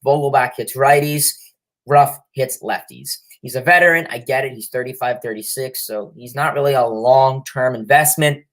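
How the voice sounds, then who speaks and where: The audio is poor as a young man, sick with a cold and sniffling, hosts a casual sports livestream and reads viewer comments. He rambles with frequent fillers and restarts, speaking at normal speed with a medium pitch.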